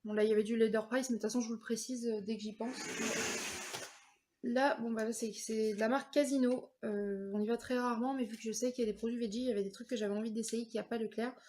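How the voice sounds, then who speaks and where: A woman from France in her thirties talks casually through a review vlog, pausing often on fillers. Her voice sits a little high. A faint noise hangs under the recording. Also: steady tone, warm tone. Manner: chatty, many hesitations and fillers. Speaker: vlogger.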